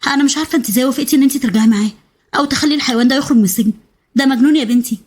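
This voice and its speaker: Woman voicing a frantic friend, Egyptian accent, rushed, husky, storybook. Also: high voice. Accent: Egyptian Arabic. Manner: urgent, rapid, coaxing with a child. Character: frantic loyal female friend, protective and urgent.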